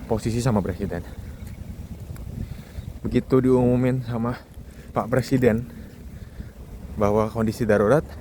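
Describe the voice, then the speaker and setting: A young Indonesian man and foreign student vlogs over street noise in a mid-range, mellow voice. His casual monologue commentary is informal and conversational, and he addresses viewers with questions.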